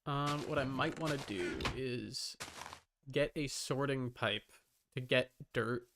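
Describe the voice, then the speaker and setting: A man livestreaming a video game talks to his chat at a slow pace, casually commenting and grumbling to himself. His voice is mid-range, and music and other background noise run beneath it.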